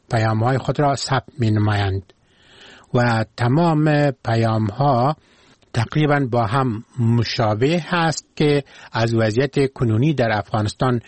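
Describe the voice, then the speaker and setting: A man's voice: mid-range voice, no room sound. A man with an Afghan accent formally presenting a radio programme as its host.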